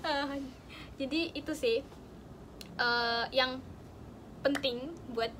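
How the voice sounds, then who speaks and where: Young woman, high voice, chatty tip-sharer, noisy background with clicks. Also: fairly even intonation, drawn-out words. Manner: chatty, explains with many fillers and examples. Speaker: student sharing study tips. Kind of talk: casual explaining chat.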